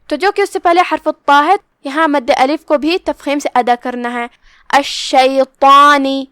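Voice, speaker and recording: A woman teaching Quran recitation, slowly and carefully explaining how each letter is pronounced. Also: high-pitched, fairly bright tone, no echo, studio quality. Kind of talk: step-by-step tajweed lesson.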